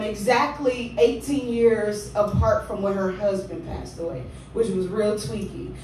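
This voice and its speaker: A woman with a medium-pitched, darkish voice is the featured poet at a small living-room venue, reading spoken word with rhythmic emphasis and slipping in casual, conversational asides between poems. It's a distant room recording, very echoey, with a faint hum.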